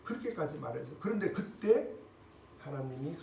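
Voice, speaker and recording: A male pastor preaching a sermon, telling the story in an animated way and acting out the voices of the people he quotes, often turning to the congregation with a quick question. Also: fairly high pitch, creaky, slight background noise. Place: church sanctuary. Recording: echoey church hall, mic at a distance.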